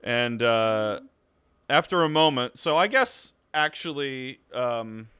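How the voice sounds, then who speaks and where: A man's voice: medium pitch, lively intonation, takes it slowly, pushed and bright, clear, resonant tone, no room sound, studio quality. A man running a tabletop game over a streamed call, narrating with loose, profane banter and plenty of fillers. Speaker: game master.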